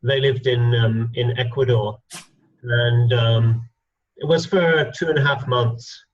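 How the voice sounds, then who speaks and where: Husky male voice, thoughtful with pauses, dull lo-fi audio. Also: mid-range voice, fairly even intonation. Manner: thoughtful, many ums and pauses. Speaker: guest house sitter. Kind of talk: casual panel chat.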